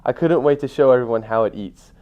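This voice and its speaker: A man's voice: mid-range voice, fast talker, natural voice. A young man voicing a moody schoolgirl in a read-aloud storybook, in a plain reading voice. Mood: grumpy. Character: moody schoolgirl with a smelly pet. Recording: dull lo-fi sound.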